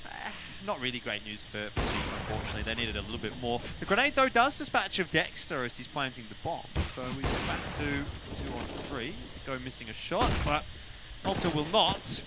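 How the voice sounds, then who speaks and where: A man's voice: mid-range voice, animated, brisk. Male esports caster over game gunfire. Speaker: esports play-by-play commentator. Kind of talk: live game commentary. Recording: clear gunfire and game noise behind.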